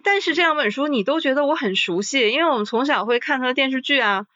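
A woman in a casual podcast chat about books, reading list items slowly and then commenting with sighing interjections. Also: high-pitched, expressive, bright, forceful tone, dry recording, highs cut off.

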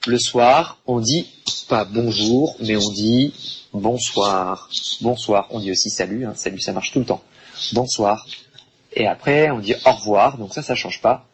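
A man teaching a French lesson to Chinese speakers, patient and repetitive, slowing down to stress words. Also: medium pitch, a little hiss or hum. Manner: patient, repetitive, slow and emphatic.

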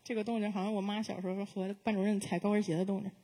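A woman singer chatting casually from the stage of a live music venue between songs, relaxed and quick to laugh. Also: medium pitch. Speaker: singer performing a live show.

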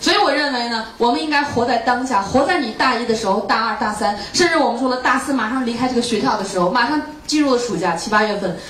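A woman's voice: on the high side, fast, few pauses, a bit bright. A woman lecturer giving a motivational talk to students, often firing rhetorical questions at the audience. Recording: echoey room, mic far off, faint noise.

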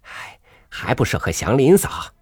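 A man's voice: medium pitch, huge pitch swings, normal speed, a little mellow, husky, no room sound, clean studio sound, soft background music, voice pushed up. A man voicing an indifferent male hired laborer who gives curt, offhand answers in a storybook reading.

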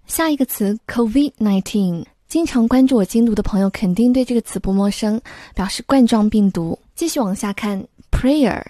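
A woman teaching English vocabulary in a scripted lesson, explaining in Mandarin and reading English examples slowly and clearly. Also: mid-range voice, warm tone, no room sound, studio quality.

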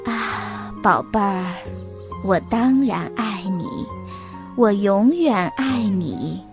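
Woman doing a gentle mother bear. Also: on the high side, expressive, slow pace, music in the background. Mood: tender. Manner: soft, soothing, reassuring. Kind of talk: children's story reading.

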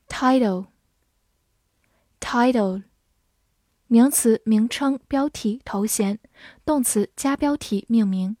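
A woman teaching English vocabulary, reading each word twice with its meanings in a measured scripted lesson. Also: a little high, mellow, no room sound, studio quality. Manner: reads each word twice, then part of speech and meaning.

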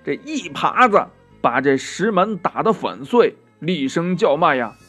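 A man narrating a children's story at an unhurried, lively pace, drawing out the ends of his phrases. His voice sits a little high, and soft music plays faintly behind him. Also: breathy edge.

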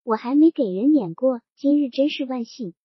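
A woman reading the lines of a gentle, wry old male scholar in a mild, teasing tone. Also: sits high, expressive, moderate pace, slightly rough, no echo. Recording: dull, dry audiobook recording.

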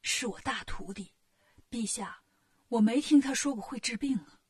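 A woman voicing a humble male Buddhist monk in a storybook tale, soft and modest. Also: a little high, moderate pace, husky.

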